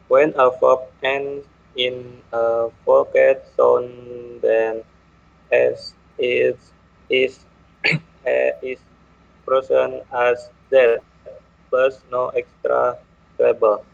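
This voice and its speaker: A young man from Indonesia, a student giving a halting class presentation on English grammar, repeating words and clearing his throat. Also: mid-range voice, little pitch movement. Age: young adult. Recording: dull lo-fi recording.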